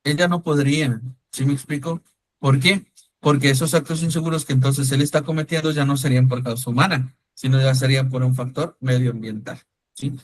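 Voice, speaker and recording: A man's voice: medium pitch, steady tone, fairly quick, no echo, poor audio. A man teaching a class, talking conversationally, calling on students by name and checking whether they follow. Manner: conversational, calls on students by name, frequent "¿sí me explico?". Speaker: instructor. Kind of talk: online-style class lecture with questions to students.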